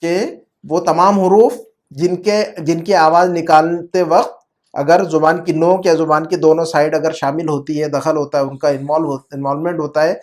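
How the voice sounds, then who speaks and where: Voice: mid-range voice, level tone, a little mellow. Patient teacher on a video call class. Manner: patient, repeats words and checks understanding often; mixes English terms into explanations. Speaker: Arabic teacher. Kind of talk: online class explained in Urdu.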